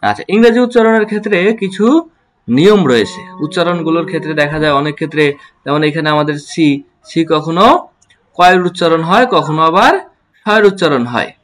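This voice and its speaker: In an online lesson, a man teaches English pronunciation, spelling words out letter by letter and repeating them slowly. He poses questions to his students and then answers them himself. His voice sits on the high side, with lively intonation and a fairly bright tone.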